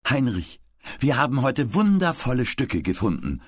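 A man's voice: medium pitch, big pitch swings, moderate pace, husky, dry recording, studio quality, pitched above the performer's own voice. A man voicing a cheerful, affectionate adult aunt in a read-aloud story, lifting his voice for her. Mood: delighted.

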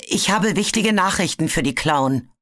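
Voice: mid-range voice, lively intonation, normal speed, a bit bright, no room sound, clean studio sound, pitched above the performer's own voice, close to an everyday voice. Narrator voicing a nervous stammering male dragon. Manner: stammering, hesitant. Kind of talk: audiobook character voice.

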